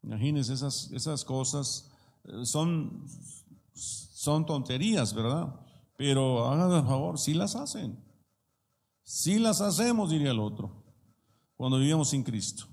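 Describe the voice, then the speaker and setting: A man's voice: medium pitch, lively intonation, a little slow, creaky, darkish tone, big-room sound. A male pastor preaching a sermon in a conversational way, with many rhetorical questions and personal stories.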